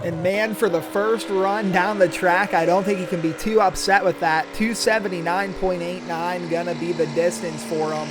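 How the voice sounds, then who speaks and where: A man's voice: high voice, fairly even intonation, moderate pace, few pauses. A man commentating as a tractor pull announcer, introducing drivers and calling out runs and distances. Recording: loud engine and vehicle noise. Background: vehicle and engine noise.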